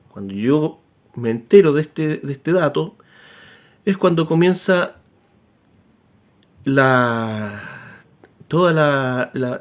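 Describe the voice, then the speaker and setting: A man explaining history in an informal spoken lecture, animated and full of tag questions and restarts. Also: fairly high pitch.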